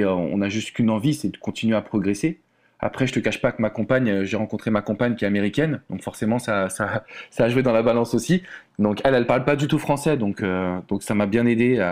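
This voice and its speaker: A French man, a relationship coach, talking as a guest in a relaxed, candid way with many fillers. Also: on the low side, brisk. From France. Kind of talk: conversational interview.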